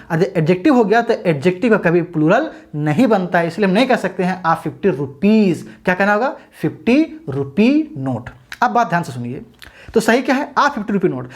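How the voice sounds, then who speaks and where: A woman with a mid-range voice teaches an English grammar lesson for exam students. She poses questions and answers them herself, calling her viewers brothers and sisters.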